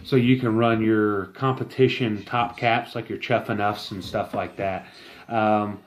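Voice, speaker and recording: A man giving a casual, rambling product review, enthusiastic but halting and full of fillers. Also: lowish voice, fairly even intonation.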